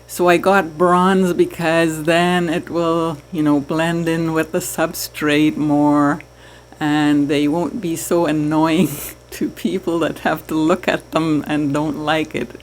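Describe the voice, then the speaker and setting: Slow, low-voiced chatty woman. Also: little pitch movement, a little hiss or hum. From Trinidad. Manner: slow, chatty, laughs softly. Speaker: aquarium hobby vlogger. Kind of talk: casual chat to camera.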